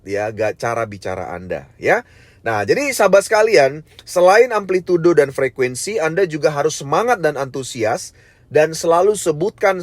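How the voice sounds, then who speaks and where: A man teaching a sales training session, deliberately swinging between high and low pitch and fast and slow speech, often adding a tag word at the end of sentences. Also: no room sound. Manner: varies pitch and pace on purpose, frequent tag "ya"; addresses listeners as "sahabat sekalian". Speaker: network marketing trainer. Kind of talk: online training lecture.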